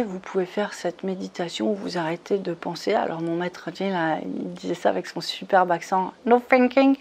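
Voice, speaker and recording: A woman's voice: medium pitch, gravelly, darkish tone, slight background noise. A woman leading a guided meditation talk for retreat participants, coaxing and soothing, often checking in with her listeners. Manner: soothing, leads step by step. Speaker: spiritual retreat leader.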